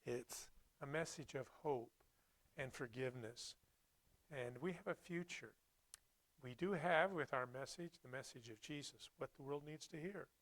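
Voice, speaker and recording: A man preaching a Sunday sermon, reading scripture and commenting on it in a plainspoken, reflective, halting way. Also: mid-range voice, fairly bright tone, no room sound, rough recording.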